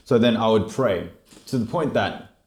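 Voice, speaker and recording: A man's voice: lowish voice, moderate pace, darkish tone. A man working as a live interpreter, relaying another speaker's words in casual conversation. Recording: roomy, echoing sound.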